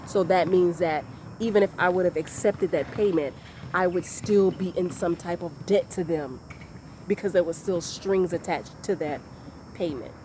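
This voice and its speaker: A woman giving a motivational talk in a deliberate, repetitive, emphatic way. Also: on the low side, warm tone, slight background noise. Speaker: motivational speaker.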